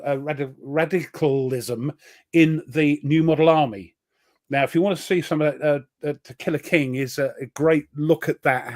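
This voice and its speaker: British male host, jokey history chat, voice on the higher side. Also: darkish tone. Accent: British English. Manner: chatty, jokey, reads history facts aloud. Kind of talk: casual chat.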